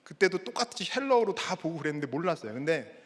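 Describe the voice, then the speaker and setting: A man's voice: on the high side, very animated, fast. A middle-aged male pastor preaching a sermon, putting rhetorical questions to the congregation. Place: church sanctuary. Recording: long reverb of a church hall.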